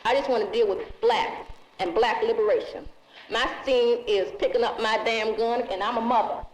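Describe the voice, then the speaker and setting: A woman's voice: on the high side, moderate pace. A woman activist giving an impassioned, angry and blunt speech. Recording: roomy lo-fi 1960s film sound.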